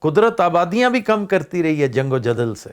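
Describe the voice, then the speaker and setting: An older man talks through his thoughts in a casual vlog. His voice sits fairly high and swings widely, climbing on emphatic points and dropping low to close each thought. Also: very animated, clear, resonant tone. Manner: discursive, rising and falling emphasis, mixes in English words. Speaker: vlog host.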